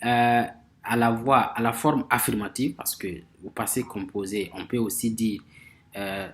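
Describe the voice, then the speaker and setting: Man teaching grammar, slow deliberate delivery, repeats himself, stresses example words. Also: medium pitch, steady tone, a bit bright. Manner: slow, repeats words while searching for phrasing; pronounces example words slowly and emphatically. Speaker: language teacher. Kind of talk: grammar lesson explanation.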